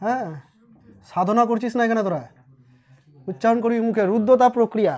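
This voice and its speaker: A man's voice: very high-pitched, brisk, a little mellow. A man teaching a physics lesson at a board, chatty and teasing, quizzing his students and answering for them. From West Bengal, India. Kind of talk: informal whiteboard lesson.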